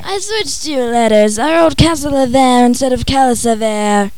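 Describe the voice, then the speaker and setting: A woman's voice: high-pitched, moderate pace, a little mellow, smooth, no room sound, natural voice. A woman voicing a sly, gloating male sorcerer in a theatrical, smug storybook reading.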